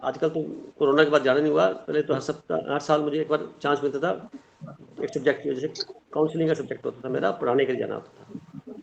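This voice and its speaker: A man's voice: on the high side, fairly even intonation, quick pace, gravelly, a little hiss or hum. A middle-aged man teaching a spiritual class, explaining earnestly with everyday examples and sayings. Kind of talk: online class talk. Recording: dull lo-fi sound.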